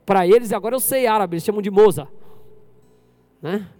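High-voiced, fast-talking Brazilian pastor preaching. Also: male voice, soft background music. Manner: animated preaching, addresses congregation directly. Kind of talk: sermon. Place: church service.

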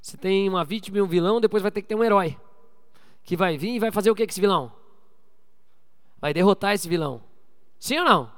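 A man with a strikingly high voice preaches to his church. He calls out for amens and swings from loud, pressing exhortation down to low, quiet asides. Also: animated, quick pace, long pauses, long reverb tail. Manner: preaching with call-and-response to the congregation. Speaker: pastor. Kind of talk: sermon.

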